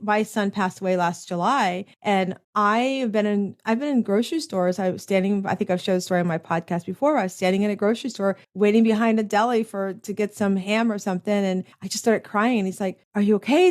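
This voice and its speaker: A woman's voice: medium pitch, a little mellow. A woman hosting a podcast interview, talking in a heartfelt, rambling way with many restarts. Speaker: podcast host. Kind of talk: interview conversation.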